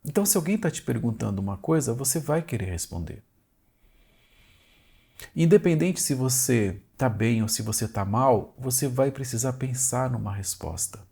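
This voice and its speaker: A man's voice: medium pitch, expressive, moderate pace, gravelly, dark tone, breathy edge. A man, a family communication educator, talks straight to the viewer in short, repeated phrases. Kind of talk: direct-to-camera explanatory talk.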